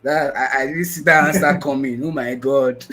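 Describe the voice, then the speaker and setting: Energetic man on a video call. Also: mid-range voice, moderate pace. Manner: energetic, repeats phrases for emphasis. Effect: heard over a video call. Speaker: guest speaker. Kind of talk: motivational webinar talk. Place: at home in Nigeria on a shaky connection.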